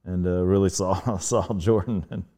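A man from Northern Virginia, a podcast guest, talking in a laid-back, halting way with lots of fillers. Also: sits low, steady tone, warm tone. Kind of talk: casual interview chat.

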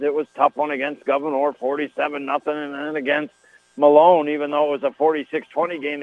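A man announcing a live high school football game over AM radio, in a folksy, chatty way as he rattles off scores and plays. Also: no room sound. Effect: AM radio broadcast sound. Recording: tinny, dry AM radio line.

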